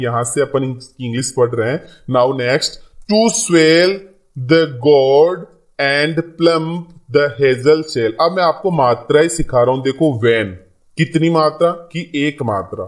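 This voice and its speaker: A man teaching an English lesson in Hindi, repeating key points and reading English lines aloud. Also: fairly high pitch. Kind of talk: classroom lecture.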